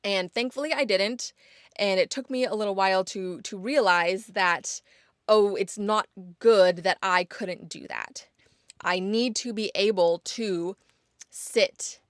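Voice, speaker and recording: A young woman hosts her own podcast in a casual solo monologue, encouraging her listeners and repeating phrases for emphasis. Her voice is mid-range and a bit bright, with a dry, clean studio sound.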